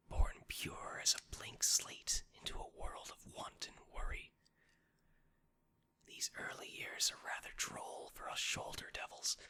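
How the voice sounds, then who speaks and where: A man voicing a sly, gloating shoulder devil in a whispered role-play, savoring ornate words with theatrical relish. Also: pushed and bright. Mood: sly, leisurely. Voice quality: gravelly, husky, breathy. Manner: theatrical, ornate, alliterative, savoring each word. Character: sly, gloating shoulder devil, weary office-worker of sin.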